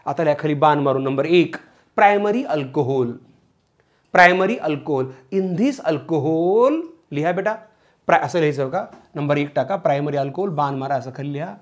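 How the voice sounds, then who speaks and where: In a chemistry lecture, a male teacher loudly drills the students and chants compound names sing-song style. His voice is a little high, and he speaks fairly quickly.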